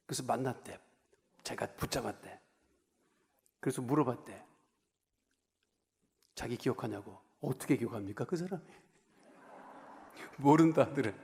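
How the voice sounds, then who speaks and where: A man preaching a sermon as pastor, talking conversationally, putting questions to the congregation and moving between raised emphasis and quiet asides. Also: medium pitch, a little slow, creaky, pauses often. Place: church sanctuary. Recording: long reverb of a large church hall.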